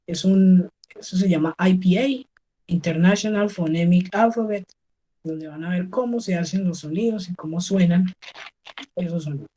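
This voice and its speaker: Warm-toned and fairly low, a Colombian woman's voice moves at normal speed as she teaches English pronunciation online. Patient throughout, she checks in with students often, asking "¿sí?".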